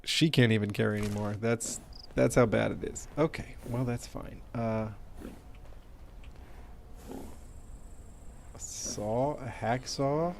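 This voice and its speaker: Creaky-voiced man streaming a game. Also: mid-range voice, fairly even intonation, moderate pace, a little hiss or hum. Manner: self-deprecating, thinking aloud. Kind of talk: casual gameplay commentary.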